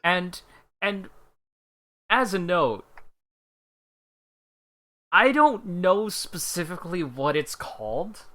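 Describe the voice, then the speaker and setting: A man's voice: high-pitched, expressive, takes it slowly, pauses often, pushed and bright. A man casually talking through his character as a player in a tabletop role-playing game. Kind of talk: casual, informal game discussion.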